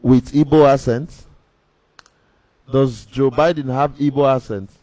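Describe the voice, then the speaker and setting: A man's voice: mid-range voice, fairly even intonation, a little slow, dark tone, no room sound, close to an everyday voice, rough recording. A man with a Nigerian accent playing a dry, skeptical audition judge. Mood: incredulous.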